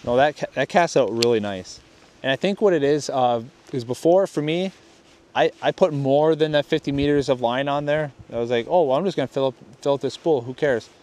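Out on a lakeshore with a chest-mounted camera, a young fishing host tests gear casually, wandering in his talk and frequently starting sentences over. His voice is medium in pitch, brisk, and darkish in tone.

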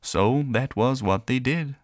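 Give me a man telling a bedtime fairy tale, unhurried and expressive, with a dry, close sound. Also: mid-range voice, dry recording. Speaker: narrator. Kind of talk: storybook reading.

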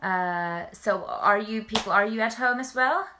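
A young woman from Finland talks casually to followers on a livestream. Her voice sits at a medium pitch. She speaks in a halting, hesitant way, often repeating words as she finds the next thought. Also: noisy background. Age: young adult. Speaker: musical performer livestreaming to followers. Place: small bedroom at home, indoors. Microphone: phone or webcam at arm's length.

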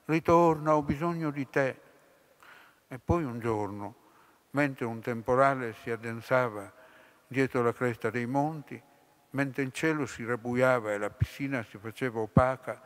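A man lecturing on literature, reading a story aloud with measured, deliberate phrasing. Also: medium pitch, steady tone. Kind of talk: slow dramatic reading aloud. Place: lecture hall. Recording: long hall reverb.

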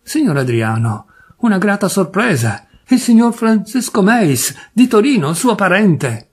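A man's voice: sits high, sing-song, unhurried, breathy edge, voice pushed up, full character voice. A man playing an oily, falsely courteous schemer. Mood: smooth, feigned polite. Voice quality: ingratiating, polite.

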